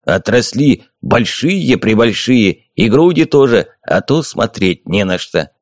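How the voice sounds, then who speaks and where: A man voicing a boozy, bearded middle-aged warrior who pleads and complains in shrill outbursts. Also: lively intonation, slow pace, no echo, studio quality. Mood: mocking.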